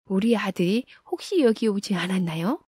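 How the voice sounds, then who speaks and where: A woman's voice: medium pitch, lively intonation, moderate pace, husky, dry recording, clean studio sound. A scolding village mother, as a woman narrator puts her on. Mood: anxious. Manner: loud, scolding.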